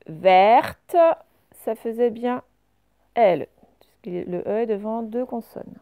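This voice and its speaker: A woman teacher going carefully through reading exercises for young pupils, saying each word clearly before explaining it. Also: a little high, muffled recording. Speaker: primary school teacher.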